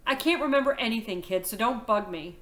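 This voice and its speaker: A cranky old veteran, as a woman reader puts him on, barking fast and gruff. He brushes off questions with a quick, impatient snap. The voice sits bright and a little high. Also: expressive. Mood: crabby. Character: crabby old male war veteran.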